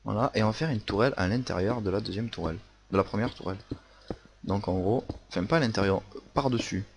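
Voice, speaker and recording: A young man with a Marseille French accent hosts a Minecraft building tutorial, narrating casually but hesitantly with many fillers and restarts. His voice is lowish, fast and gravelly, and the recording carries faint noise and clicks.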